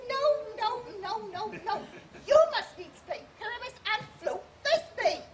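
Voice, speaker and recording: A flustered, eager director of a village troupe, read by a woman with a very high, lively voice, often breaking into laughter. The recording is noisy and amateur. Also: unhurried. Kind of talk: amateur comic play reading.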